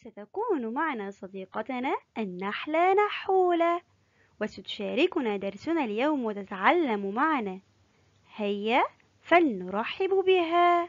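A woman teaching a kindergarten class, slow, sing-song and encouraging. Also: high-pitched, big pitch swings, no echo, muffled recording. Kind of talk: teaching young children.

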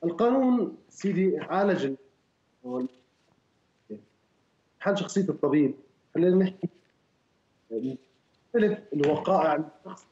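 A male lawyer calling in on a remote line that breaks up, speaking formally and in a measured way. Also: sits high, expressive, dark tone. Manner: formal, measured, addresses the host as sir. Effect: remote call line, dull and echoey, breaking up. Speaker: lawyer guest. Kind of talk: calling in to a live TV talk show. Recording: lo-fi echoey remote call audio.

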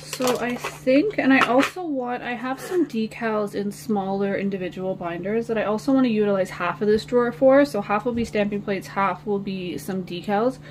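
A woman's voice: mid-range voice, moderate pace, hardly any pauses. Chatty woman vlogging with background hiss. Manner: rambling, chatty, talks to viewers as guys. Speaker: nail art vlogger. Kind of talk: casual chat while organizing. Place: home nail studio, sitting on the floor.

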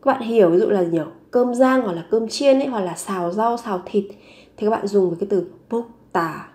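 A woman teaching a vocabulary lesson, saying each word three times slowly before explaining it. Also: mid-range voice, a little mellow. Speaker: language teacher.

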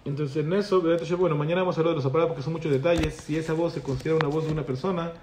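A man's voice: a little high, steady tone, very fast, a little mellow, a little hiss or hum. Man teaching a class, quizzing students. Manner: explains patiently, asks the class questions. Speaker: rabbi teaching halakha class. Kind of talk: Torah class with student questions.

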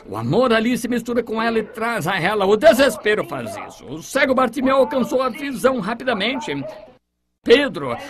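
Fervent male sermon interpreter, high voice. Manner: fervent, swings between hushed lines and shouted cries. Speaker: interpreter voicing a preacher's sermon.

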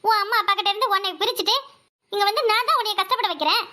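A woman's voice: very high-pitched, very fast, sharp tone. A woman with a Tirunelveli Tamil accent voicing a hurt young wife who reproaches and pleads with her husband in a cartoon. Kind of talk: cartoon voice acting.

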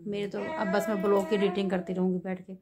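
A woman talking softly to her children and the camera at home late at night, recorded on a phone. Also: mid-range voice, level tone, fast talker. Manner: soft, coaxing talk to children at night. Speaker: vlogger, mother. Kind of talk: casual home vlog.

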